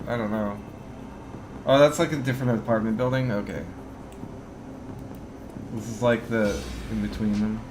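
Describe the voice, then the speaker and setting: A man with a lowish, steady voice talks at a normal speed, leaving long pauses over a noisy background. He's narrating his own playthrough of a video game, swearing casually as he comments and reads the game's text aloud.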